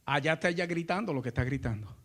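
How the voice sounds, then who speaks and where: A male pastor preaching a fervent sermon that swells into shouting, often calling out to his listeners as brother. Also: a little high, lively intonation, racing. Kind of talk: impassioned sermon.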